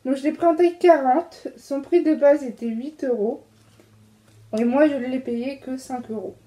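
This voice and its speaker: Chatty high-voiced French woman. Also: normal speed, dark tone. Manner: chatty, many fillers and self-corrections. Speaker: fashion vlogger. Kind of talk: casual clothing haul.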